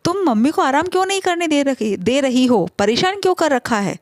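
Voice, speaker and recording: A woman's voice: high-pitched, sing-song, brisk, no room sound, studio quality, pitched above the performer's own voice. A woman voicing a puzzled young husband who questions his wife in a mild tone.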